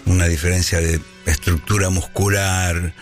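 A man's voice: low voice, little pitch movement, moderate pace, faint music behind. A man with an Argentine accent hosting a casual sports radio chat, telling stories and acting out the dialogue. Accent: Argentine Spanish. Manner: storytelling, acts out dialogue in quotes. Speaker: radio host.

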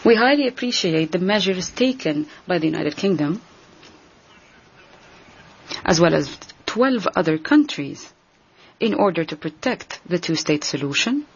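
A woman giving a translation voice-over as an interpreter, rendering a formal speech in a measured, deliberate way. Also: fairly low pitch, lively intonation, highs cut off, a little hiss or hum. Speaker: simultaneous interpreter.

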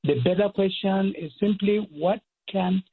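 A man with a Cameroonian accent, speaking as a guest expert in a measured way, listing points. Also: high voice, breathy edge. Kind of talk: phone-in interview. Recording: tinny phone line.

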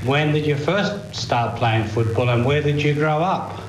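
A man's voice: on the high side, a little slow, reverberant, slight background noise, rough recording. Chatty male sports podcast host. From Uruguay. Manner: chatty, prompting guests with names and questions. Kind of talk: casual sports chat.

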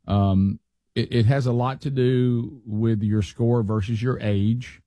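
A man's voice: mid-range voice, fairly even intonation, takes it slowly, dark tone, dry recording, clean studio sound. A man, hosting a show with folksy, chatty talk full of fillers and restarts. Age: 60s. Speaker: radio show host. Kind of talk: casual chat.

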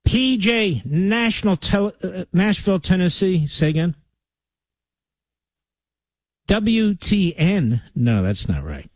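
A man's voice: high voice, big pitch swings, unhurried, no echo, poor audio. A man hosting a call-in radio show, talking in a blunt, emphatic and opinionated way. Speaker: radio talk show host.

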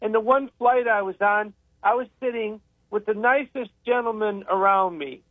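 Older male radio host, high-pitched voice, opinionated rambler, thin phone-line sound. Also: moderate pace, no echo. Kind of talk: casual radio talk.

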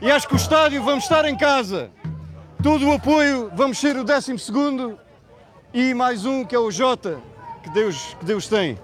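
Excited Portuguese fan, crowd around. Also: male voice, very high voice, moderate pace. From Alentejo, Portugal. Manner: loud, excited, repeats himself. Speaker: football fan. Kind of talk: casual street interview. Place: outdoors at a fan march. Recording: crowd and music behind.

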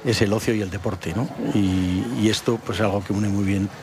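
Hesitant, low-voiced businessman. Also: steady tone, brisk, background noise. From San Sebastián, Spain. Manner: hesitant, many restarts. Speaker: company founder. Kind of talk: interview answers.

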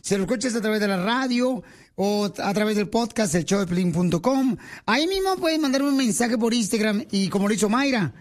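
A man hosting a lively radio talk show, animated and playful, calling his guest pet names. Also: high-pitched, a little fast.

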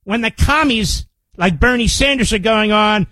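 Speaking close to a studio mic in a radio studio, this older American talk radio host argues politics in a combative, emphatic way, driving points home through repetition. His voice sits high, bright and forceful, at a moderate pace, with no room sound.

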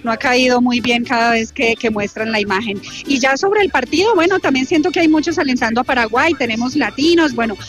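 A woman reporting live from an outdoor fan festival plaza, lively and upbeat, interviewing a fan. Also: sits high, brisk, hardly any pauses, soft background music. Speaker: field reporter.

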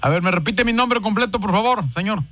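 A man's voice: sits high, fairly quick, bright, forceful tone. A man with a Mexican accent hosting a radio prank call, pushing and teasing the person on the line with mock indignation. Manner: pushy, teasing, playfully indignant.

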